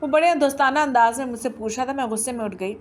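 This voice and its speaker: A woman reading a first-person story aloud in a plain, steady way, with small restarts. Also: sits high, a little hiss or hum.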